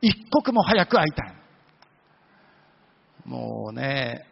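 A man's voice: mid-range voice, big pitch swings, slow, gravelly, husky. A man preaching a sermon, telling the story with humorous asides. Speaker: pastor. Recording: dull lo-fi sound with long hall reverb.

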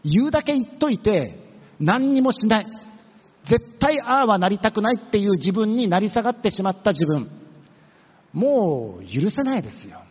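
A man's voice: sits high, very animated, normal speed, slightly rough. A man preaching a sermon in a casual, conversational way, asking the listeners questions and acting out the words of the people in his story. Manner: conversational, acts out quoted voices, rhetorical questions. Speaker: pastor. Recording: dull lo-fi recording with long hall reverb.

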